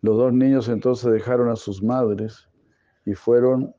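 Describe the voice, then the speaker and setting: A man's voice: medium pitch, fairly even intonation, measured pace, mellow, dry recording, dull audio. A man retelling a devotional story in class, digressive and joking, often correcting himself.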